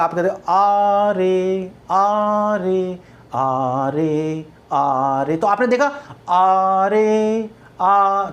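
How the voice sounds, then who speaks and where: A woman's voice: mid-range voice, darkish tone. A woman teaching an exam-prep lesson on poetry, repeating rhetorical questions and mixing English terms into her explanation. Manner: repetitive, asks rhetorical questions, frequent "ठीक है ना?"; drills patterns by counting out stress beats.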